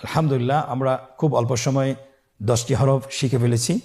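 A man from Bangladesh teaching the Quran in a recorded lesson, patient and instructive, stretching each letter name long and loud so listeners can repeat it. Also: medium pitch, fairly even intonation, fairly quick.

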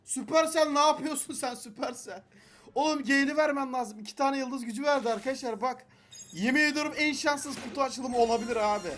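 Young guy yelling at a game while opening loot boxes, really high voice, bit of music behind. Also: fairly quick. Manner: frustrated, pleading, swearing at the game. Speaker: gaming YouTuber. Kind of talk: excited gameplay commentary.

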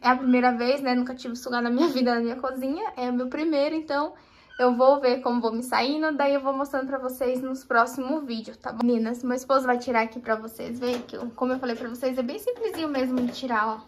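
A woman's voice: high voice, fairly even intonation, fast talker. A young woman from Brazil chatting casually in her home kitchen, recorded on a handheld phone, often tagging her sentences with little questions. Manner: chatty, constant tag questions. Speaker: vlogger.

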